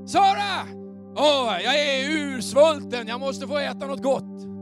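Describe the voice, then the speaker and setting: Preacher doing a very old husband, eager and famished, high sing-song reply. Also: male voice, over music.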